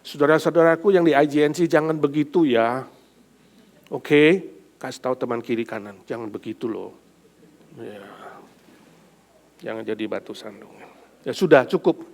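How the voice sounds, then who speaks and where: A middle-aged man with an Indonesian accent, preaching a sermon as pastor, swinging from loud emphatic bursts to near whispers. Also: mid-range voice, normal speed, pauses often. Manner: animated preaching, rising loud then dropping to near whisper.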